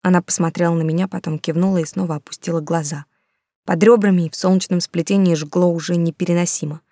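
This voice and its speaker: Low-voiced woman narrating a novel. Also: steady tone, fast, mellow, no room sound, clean studio sound. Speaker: audiobook narrator. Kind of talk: scripted first-person narration.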